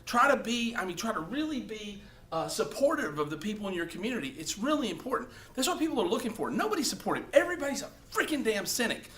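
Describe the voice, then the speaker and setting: Bright, lively-voiced man giving blunt advice. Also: very high voice. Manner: blunt and profane, with lots of "okay?" tag questions. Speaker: social media advice vlogger. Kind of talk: casual advice talk to camera.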